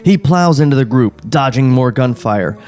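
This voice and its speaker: On a studio podcast mic, the host narrates stage directions from a screenplay as part of a table read, his delivery dry and wry with laughs and sarcastic comments. He sounds animated, medium-pitched, and darkish in tone at a normal speed, with faint music behind him.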